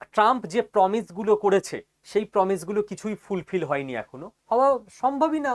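A man with a voice that sits high lectures as a teacher on an explainer topic. He speaks emphatically and keeps checking that listeners are following.

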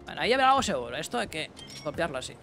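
A young man giving casual let's-play commentary, excitable, talking to himself and his chat with bursts of yelps. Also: fairly high pitch, racing, faint music behind. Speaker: gaming streamer.

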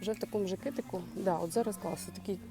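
A woman's voice: mid-range voice, racing, music in the background. A woman chatting to her viewers while browsing a clothing and home goods store, thinking aloud in a casual shopping vlog. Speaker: shopping vlogger.

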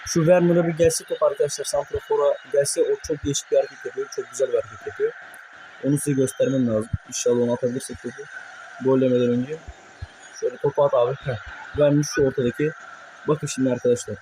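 A young man commentating his own mobile football match for viewers, excitable and quick to curse at his players in frustration. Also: mid-range voice, background noise. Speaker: gaming YouTuber.

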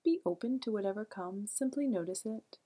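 Speaking softly and breathily at a medium pitch, a woman leads a guided meditation. She sounds calm, gentle and soothing, pausing at length between phrases.

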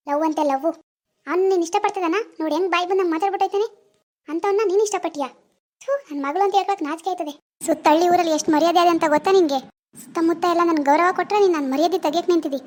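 A woman playing a shrill, fiery village mother. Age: middle-aged. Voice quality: shrill, scolding. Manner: fast, loud and scolding. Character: strict proud village mother, quick-tempered.

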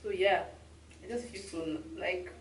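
Chatting to her camera in a hotel room, a young adult vlogger with a Nigerian accent keeps things relaxed and loosely run-on. Her voice sits on the low side at a moderate pace. Picked up by a handheld camera mic at arm's length, the audio is roomy with noticeable background noise.

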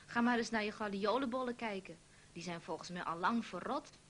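A woman's voice: medium pitch, brisk, a bit bright, slight background noise, lightly acted. Woman doing a grouchy housewife, snaps n grumbles, middle voice, storybook reading. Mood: grumbling. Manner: snapping and grumbling. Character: grumpy housewife, snappish, sulky.

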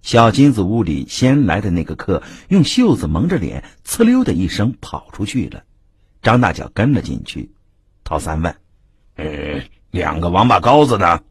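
Narrator, male, husky voice with wide swings in pitch, dry booth sound, acts out the characters. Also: huge pitch swings, normal speed, a little mellow, dry recording. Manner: voices each character, rising high for women and bullies. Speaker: audiobook narrator. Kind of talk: audiobook reading of a classic novel.

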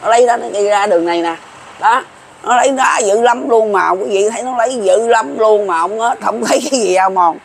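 His voice sits high and gravelly, running a little fast over a faint hiss or hum. The speaker, a Southern Vietnamese man in his seventies, offers folk prophecy commentary in a loose, folksy monologue to viewers, often repeating himself.

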